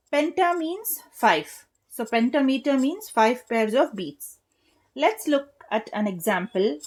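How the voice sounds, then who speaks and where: A young woman giving an English lesson at an unhurried, careful pace. Her voice sits a little high. She explains patiently, repeating and clapping out points for her students. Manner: slow, patient, spells out rhyme letters and claps rhythm. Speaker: English literature teacher.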